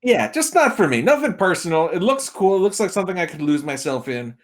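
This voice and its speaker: A man with a high, sing-song voice talks briskly and casually as a podcast guest and movie critic. He shares his film opinions and acts out imagined reactions while telling his story.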